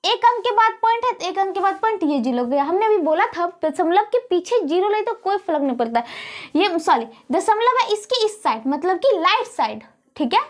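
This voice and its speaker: A woman's voice: very high voice, very animated, moderate pace. A woman math teacher with a Bihari Hindi accent, explaining rules step by step to students in a classroom lesson.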